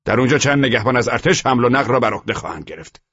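A man's voice: medium pitch, expressive, a bit bright, breathy edge. An actor playing a stern, scornful male army sergeant who barks orders and scolds, in an audiobook drama, on a dull lo-fi recording. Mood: scolding.

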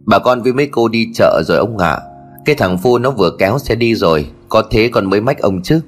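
A man voicing a sly, fawning male servant who keeps flattering his master in a storybook tale. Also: on the low side, fairly quick, faint music behind. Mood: wheedling. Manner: wheedling, deferential.

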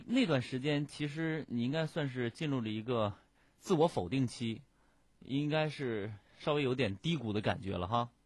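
A man hosting a radio interview, calmly summing up the guest's story and asking questions. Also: medium pitch, dry recording. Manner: calm summarizing questions with soft acknowledgements. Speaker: radio host.

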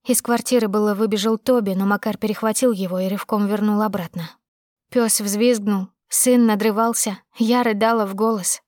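A woman reads a dramatic first-person audiobook with tense, emotional delivery. Her mid-range voice is a little mellow, with fairly even intonation and a normal pace. The sound is close and dry, with no room around it.

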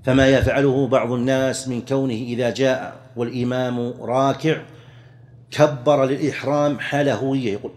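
Man, religious teacher, methodical, numbered points, slow drawn-out quotes, mid-range voice. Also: mid-range voice, a little mellow. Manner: methodical, enumerates points, drawls quoted phrases slowly. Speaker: Islamic jurisprudence teacher. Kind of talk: explaining a fiqh text lesson.

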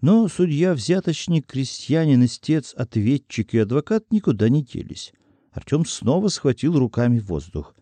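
A man narrating an audiobook in an expressive storytelling manner. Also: mid-range voice, moderate pace, no room sound.

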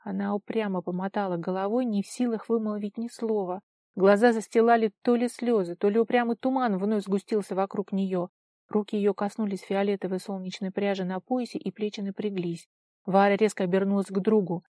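A woman narrating a storybook in an even, steady read. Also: mid-range voice, fairly quick, no room sound, studio quality. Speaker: audiobook narrator. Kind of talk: scripted narration.

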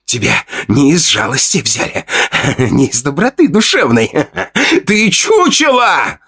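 A man voicing a vicious teenage boy bully with a hoarse, spitting snarl. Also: a little high, big pitch swings, unhurried, a bit bright, voice pushed up, full character voice. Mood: snarling, taunting.

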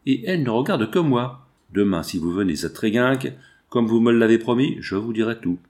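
A man's voice: mid-range voice, lively intonation, moderate pace, a little mellow, lightly acted. A man voicing a terse, brooding young male country squire in an audiobook. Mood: tense.

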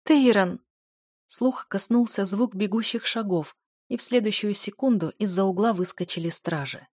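A woman narrating a fantasy novel in first person, with steady and expressive storytelling. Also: medium pitch, normal speed, breathy edge, no echo, studio quality. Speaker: audiobook narrator.

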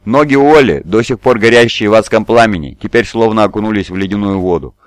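A man reads a novel aloud in scripted narration. His voice sits low and his delivery is measured and even. The recording is dry and close to the mic. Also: no echo. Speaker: audiobook reader.

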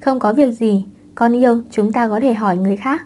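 A playful young mother who gets her way by scheming, as a woman reads her. She talks lightly and teasingly, in a mellow, dark tone suited to an audiobook novel. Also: fairly high pitch, a little fast, close to an everyday voice. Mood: breezy.

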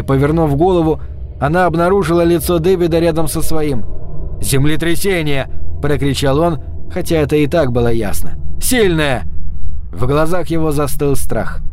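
A man narrating a science fiction audiobook in an even, measured reading style. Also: a little high. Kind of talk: scripted narration.

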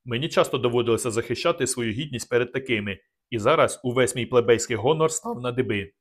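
A man calmly narrating a novel in the first person, as an audiobook. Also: medium pitch, fast.

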